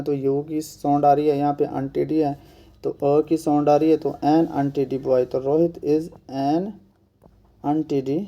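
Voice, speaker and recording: A man from India giving an exam-prep grammar lesson, repeating each point slowly and asking questions that he answers himself. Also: fairly high pitch, warm tone, lo-fi sound. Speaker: teacher.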